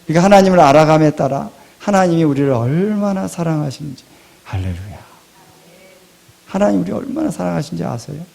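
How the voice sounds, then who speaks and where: Male preacher, fairly high voice with gravel; rises loud, drops to near whispers. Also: lively intonation, brisk. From Korea. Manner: rhetorical questions, swings from loud to hushed. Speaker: pastor. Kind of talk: sermon.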